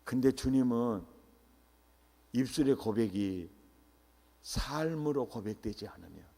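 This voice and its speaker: Brief: middle-aged male revival preacher, animated with sudden shouts, long church reverb. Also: medium pitch, measured pace, vocal fry. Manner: animated, swings to shouts, quizzes the congregation. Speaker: pastor, revival meeting speaker. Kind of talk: revival sermon. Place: church sanctuary. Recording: echoey church hall.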